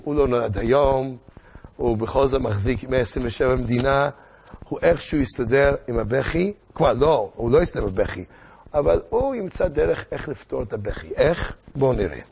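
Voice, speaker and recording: A man teaching a lively lesson, theatrical and animated, firing questions at his listeners. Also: mid-range voice, creaky, a little hiss or hum.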